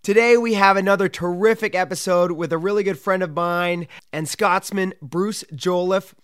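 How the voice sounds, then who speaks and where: A man's voice: high voice, moderate pace, fairly bright tone, smooth, no echo, clean studio sound. A man hosting a podcast, introducing the show and chatting casually with a guest. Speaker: podcast host.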